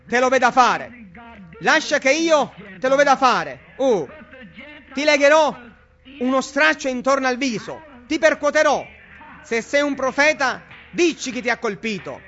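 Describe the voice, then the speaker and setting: A man's voice: extremely high pitch, lively intonation, measured pace, sharp tone, exaggerated voice. A man voicing a sneering, boastful male devil who taunts and mocks, on a dull lo-fi recording. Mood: taunting. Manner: mocking, taunting.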